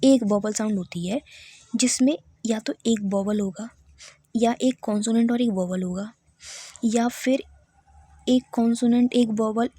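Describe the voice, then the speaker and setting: A woman's voice: fairly high pitch, measured pace, long pauses, warm tone, husky, no room sound. Woman teaching a literature lesson. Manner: checks in with listeners often, repeats key terms.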